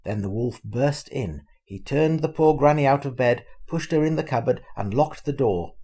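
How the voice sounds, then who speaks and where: An older man, a grandfather, reads a fairy tale aloud with animated, expressive storytelling. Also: medium pitch, normal speed, husky. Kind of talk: storybook reading.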